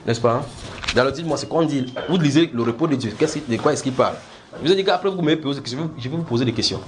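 A man preaching and teaching from the Bible, repeating words and putting questions to his listeners. He presses his points with lively energy. His voice is medium-pitched, with faint background noise. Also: fast. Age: adult.

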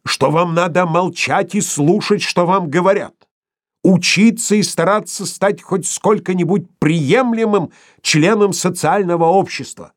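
A man's voice: mid-range voice, sing-song, moderate pace, darkish tone, husky, dry recording, studio quality, voice pushed up. A man voicing an older male professor, imperious and irate, lecturing in a thundering way. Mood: furious.

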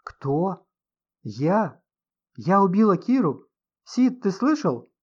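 A man's voice: fairly high pitch, animated, moderate pace, dull audio, pitched above the performer's own voice. A man reading an audiobook, voicing a nervous, easily frightened elderly woman writer. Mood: outraged. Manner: fretful, squealing when scared.

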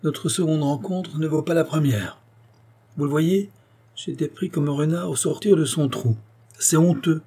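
A man's voice: fairly low pitch, normal speed, warm tone, husky. A man reading a proud, fiery young nobleman in an audiobook, with a declamatory, indignant delivery. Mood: bitter.

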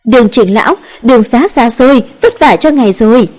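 A woman narrator voicing a lively young woman who scolds and teases her lover in an audiobook. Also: fairly high pitch, a little fast. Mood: playful.

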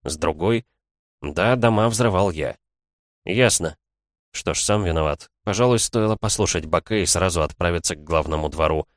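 A man with a low voice reads a first-person adventure audiobook in an even, measured way. The recording is dry and close, with no room sound. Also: dry recording. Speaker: audiobook narrator.

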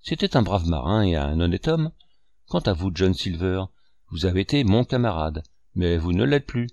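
A man voicing an honest, stubborn sailor who speaks in a hoarse, trembling voice. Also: low-pitched, sing-song, normal speed, a little mellow, no echo, muffled recording. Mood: defiant. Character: honest, stubborn male sailor, gruff and proud.

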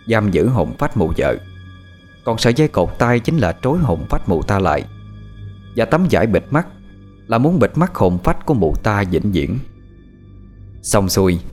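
A male storyteller with a lowish voice that swoops up and down as he tells a horror tale. He keeps a dramatic, scripted delivery, with soft music playing underneath.

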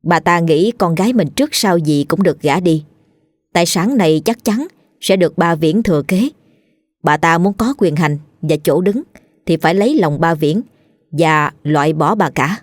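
A woman narrating a ghost story in a measured, even reading. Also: on the low side, no room sound, studio quality.

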